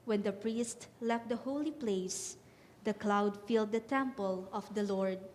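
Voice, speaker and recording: A woman's voice: medium pitch, a little slow, a little mellow. A woman solemnly reading scripture and psalm as lector in a reverberant church. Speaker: lector at Mass. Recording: echoey church, clear background noise.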